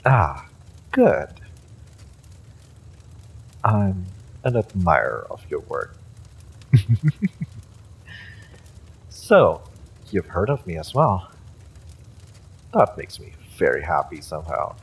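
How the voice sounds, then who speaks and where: A man voices an evil sorcerer in an audio roleplay, delivering a dramatic villain monologue that is smug, silkily menacing, mock-polite and gloating. His low, sing-song voice moves slowly with frequent pauses, vocal fry and a breathy edge, all heavily acted. The recording is rough.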